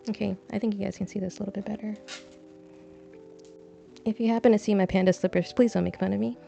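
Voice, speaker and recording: This is casual balcony chat from a young woman streaming as she plants seeds, rambling and poking fun at herself. Her mid-range voice is gravelly and dark, fast, and fairly even in intonation. Dull lo-fi sound with faint music comes through a desk mic her braids keep brushing.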